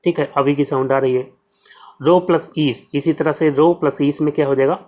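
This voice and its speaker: This Hindi-accented man's voice is fairly high and a little mellow, with fairly even intonation and a moderate pace. He leads an exam-prep grammar lesson one step at a time, asking his own questions and answering them, often repeating "ठीक है."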